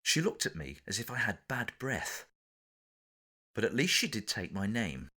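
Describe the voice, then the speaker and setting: A man's voice: on the low side, big pitch swings, normal speed, bright, forceful tone. A man with an English accent reading his own memoir for an audiobook, telling the anecdote with theatrical, dramatic emphasis. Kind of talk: audiobook narration, scripted anecdote.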